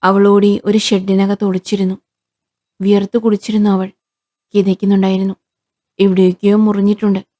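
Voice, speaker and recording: Even-voiced woman narrating a crime story. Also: mid-range voice, a little fast, pauses often. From Kerala.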